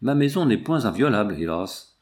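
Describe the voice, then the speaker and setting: A man reading the part of a kindly village priest, speaking in a calm, measured way. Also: fairly low pitch. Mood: grave.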